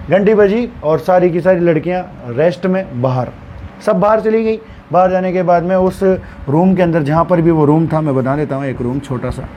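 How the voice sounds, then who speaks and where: Guy teacher telling a story to his class, kinda high voice, acts out the stutters, muffled lo-fi sound with a little hiss. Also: a little mellow. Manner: acts out stammering and dialogue while retelling. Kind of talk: storytelling lesson explanation.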